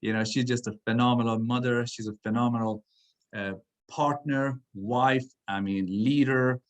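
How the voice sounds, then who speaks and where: Here a man born in Iran and raised in Sweden gives a rambling, casual motivational talk at a business event, peppered with fillers and restarts. He speaks at a moderate pace in a mid-range voice with fairly even intonation.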